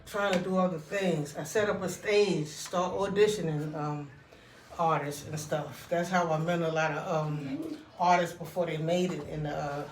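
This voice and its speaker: A woman's voice: low-pitched, normal speed, a little hiss or hum. A woman telling a casual, rambling personal story in a conversational way, often checking in with the listener. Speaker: vlogger telling personal stories. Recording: echoey room, distant mic.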